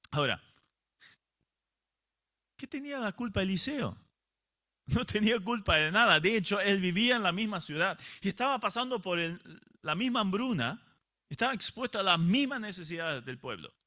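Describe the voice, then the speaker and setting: A man's voice: high voice, very animated, normal speed, long pauses, sharp tone. A man preaching a sermon as pastor, asking rhetorical questions and often restarting his phrases.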